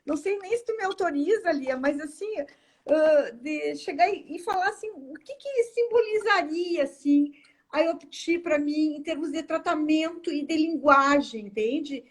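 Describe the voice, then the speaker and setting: A woman, a guest on a live video chat, telling a personal story with halting, emotional speech. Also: high-pitched. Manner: halting, tearful at moments, many fillers. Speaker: guest, lawyer and constellation practitioner.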